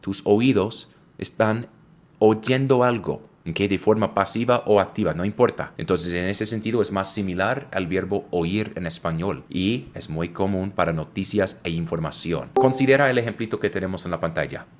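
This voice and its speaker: A young American man teaching in Spanish, repeating examples slowly and spelling words out letter by letter. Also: deep voice. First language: English. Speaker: English teacher. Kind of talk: slow, clear language lesson.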